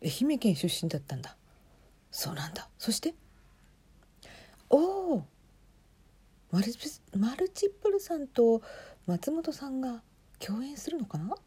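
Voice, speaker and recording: A woman hosting a casual talk, commenting in hushed whispers while she watches a concert stream at home. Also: on the high side, big pitch swings, a little slow, pauses often, breathy edge. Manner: speaks softly in hushed whispers; chatty, reacts aloud to what she sees. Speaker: podcast host watching a livestream.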